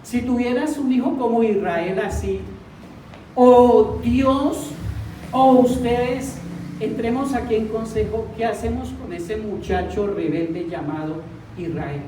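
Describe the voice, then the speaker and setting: Woman preacher, slow and emphatic, recorded from a distance in a church with faint room sound. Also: a little high, noisy background. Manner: questions the congregation often, slow and emphatic. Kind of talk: sermon. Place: church hall. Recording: distant mic in an echoey church hall.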